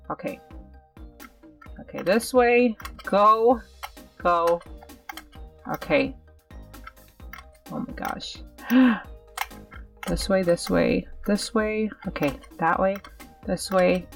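Gaming host, woman, lowish voice, nervous self-talk over faint game music. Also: expressive, extremely slow, gravelly, pauses often, recorded from a distance. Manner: nervous, self-coaching chatter. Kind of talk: live gameplay commentary.

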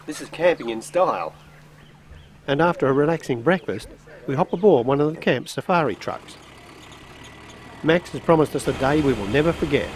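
A man's voice: fairly high pitch, a little hiss or hum. An Australian man narrating a travelogue as presenter, reading scripted voice-over. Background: music under voice-over.

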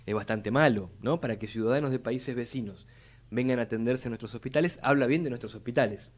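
A young Buenos Aires man, a city legislator appearing as a guest, talks fast in a mid-range voice on live radio from a studio, using a boom-arm mic. His measured policy talk is formal, and he repeats words as he builds long arguments.

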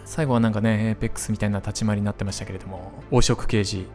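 A young adult man streaming a horror game, reacting loudly and roughly with excitable outbursts. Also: fairly low pitch, very fast, faint music behind. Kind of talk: live gameplay commentary.

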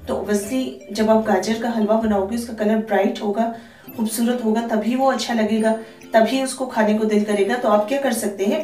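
Hosting a cooking channel, a woman with a slightly high, somewhat mellow voice narrates a tutorial, giving friendly, chatty step-by-step instructions and often saying "theek hai ji." Her voice-over sounds echoey and distant, with faint music underneath.

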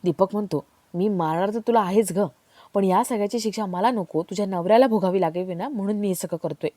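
Woman, serial recap narrator, mellow tone, close dry recording. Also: mid-range voice, brisk, no room sound. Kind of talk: reading a serial episode recap aloud.

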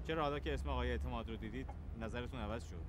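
An actor playing an earnest young man in a TV drama who questions calmly and persistently. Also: mid-range voice, noisy background, natural voice. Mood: probing. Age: young adult. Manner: calm, probing, persistent.

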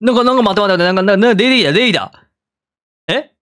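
A man with a Kansai accent giving excitable let's-play commentary, talking to himself with sudden exclamations. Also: high-pitched, very fast. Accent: Kansai Japanese. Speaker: gaming channel host.

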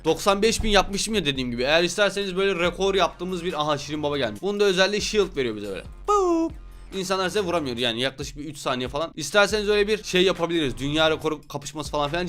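A young man giving loud, joking commentary on an online game he plays, swearing at his opponents. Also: high-pitched. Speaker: gaming YouTuber. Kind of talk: excited gameplay commentary.

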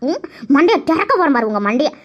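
Woman voicing a quarrelsome cartoon village woman, high, fast, sarcastic scolding, dull lo-fi sound. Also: very animated. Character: sharp-tongued village woman in a family quarrel. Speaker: cartoon voice artist. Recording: dull lo-fi recording.

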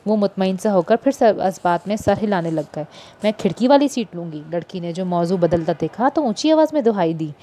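Woman reading a novel aloud, mellow. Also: lively intonation, a little fast, hardly any pauses, a little hiss or hum. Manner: shifts into higher, livelier voices for characters' dialogue. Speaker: audiobook narrator.

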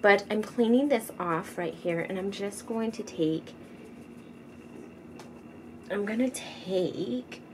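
A middle-aged woman chatting casually at home while doing her makeup, rambling and often sinking to a soft murmur. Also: medium pitch, takes it slowly, long pauses, low-quality recording. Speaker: beauty vlogger. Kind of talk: casual makeup tutorial chat. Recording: noticeable background noise. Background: teenager gaming loudly in the background.

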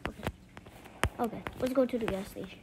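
A woman's voice: on the high side, fairly quick. A woman chatting casually while playing a game, playful and making siren noises. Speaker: game player. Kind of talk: casual gameplay chat. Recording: loud background noise with game clicks.

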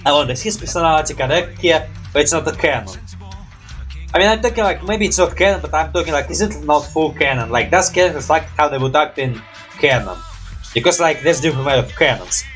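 Slightly high and a bit bright, this young man's voice is expressive and brisk. He's casually reacting to animations as a reaction video host in a small room at home, rambling hesitantly in non-native English with mild swearing out of habit, while faint music plays.

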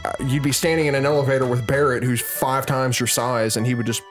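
A man's voice: mid-range voice, level tone, fast, soft background music. A man giving casual, sweary commentary and tips during a video game playthrough. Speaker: let's play co-commentator.

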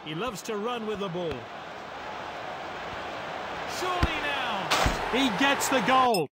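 A man playing an excitable football commentator calling a match in a video game. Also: extremely high pitch, takes it slowly, full character voice. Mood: excited. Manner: excitable, exclamatory calls. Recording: loud stadium noise behind.

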